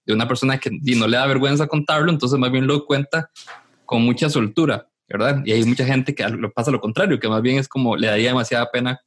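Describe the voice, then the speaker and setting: A man's voice: mid-range voice, fairly even intonation, quick pace. A man, hosting an interview and reflecting thoughtfully, often restarting his phrases. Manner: thoughtful, restarts phrases while searching for words. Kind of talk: casual conversation.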